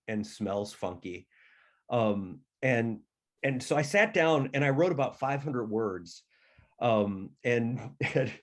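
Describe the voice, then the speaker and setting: A male author tells the story of his writing in an easy, conversational manner. His voice sits at an ordinary middle pitch, neither high nor low. He sounds plainspoken and at ease. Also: darkish tone. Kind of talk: casual storytelling about writing.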